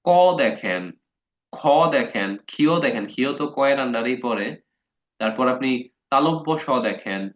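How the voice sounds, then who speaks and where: A man giving a casual spoken grammar lesson, talking conversationally, often checking that listeners follow and stretching out words slowly to show how they are spelled. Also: mid-range voice, a bit bright. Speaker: Bengali grammar teacher. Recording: dull lo-fi recording.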